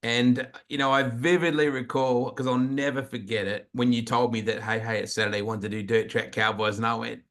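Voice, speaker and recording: A man's voice: mid-range voice, brisk, hardly any pauses. Chatty Australian male interviewer. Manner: chatty storyteller, animated when recalling. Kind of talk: casual chat interview.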